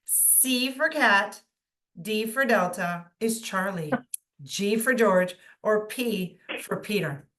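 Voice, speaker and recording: A woman's voice: medium pitch, animated, slow, a bit bright. A woman co-hosting a webinar, chatty and giggly, playing along with game-show banter. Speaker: webinar co-host. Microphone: video call.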